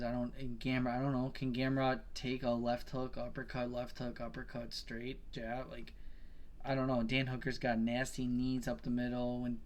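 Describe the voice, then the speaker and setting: A man co-hosting a podcast, chatting casually about his betting picks, rambling, swearing and correcting himself as he goes. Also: mid-range voice. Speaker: podcast co-host.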